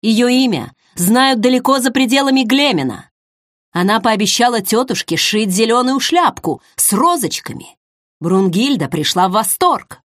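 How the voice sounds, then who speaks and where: A woman's voice: a little high, lively intonation, normal speed, no room sound, studio quality, pitched above the performer's own voice, natural voice. A woman reading as an eager young fiancé. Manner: eager, proud, then grumbling. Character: young man, eager fiancé defending his bride.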